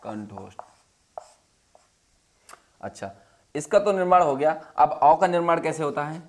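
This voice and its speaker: A male teacher with a fairly high voice leads a lesson, asking questions over and over and repeating each answer. His voice sinks low and quiet whenever he gives the answer. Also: a little fast. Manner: drops to a low, quiet voice when giving the answers. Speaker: Hindi teacher. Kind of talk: classroom lesson.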